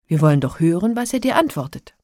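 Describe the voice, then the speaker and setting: Calm young prince, read by a woman. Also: fairly low pitch, fast talker, no room sound, clean studio sound. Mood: advising.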